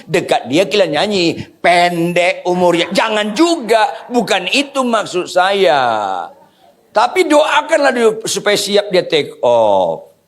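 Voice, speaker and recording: Male pastor, lively sermon delivery, pitch leaping all over, slightly high voice, jokey and slangy, keeps firing questions at the pews. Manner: humorous, casual slang, quizzes the audience.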